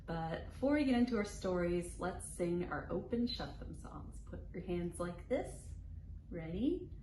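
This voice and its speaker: A woman with a lowish voice hosts a children's library storytime, reading aloud slowly in simple phrases with an expressive, animated delivery. The room is echoey, with some background noise.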